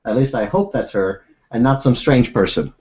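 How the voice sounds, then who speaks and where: A man's voice: medium pitch, moderate pace, a little mellow, slightly rough, muffled recording. A young man hosting a casual video call chat, rambling and laughing often as he talks from a room at home. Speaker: host. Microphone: own desk microphone.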